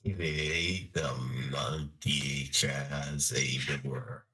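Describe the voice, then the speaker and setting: Picture a mocking, gruff old villain with a deep gas voice, so low it rumbles and crackles. He drawls his taunts very slowly, husky and rough. The tone stays bright and cutting on top of that raspy growl. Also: steady tone, full character voice. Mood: taunting. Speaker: caller on a live stream. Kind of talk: trolling call-in banter.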